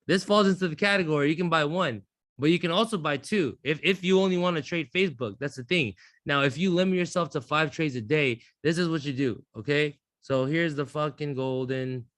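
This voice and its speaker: Male instructor, slightly high voice, dry close sound; brash, swearing, rambling teacher running a class. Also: a bit bright, dry recording. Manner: blunt, profane, rambling restarts. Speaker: trading instructor.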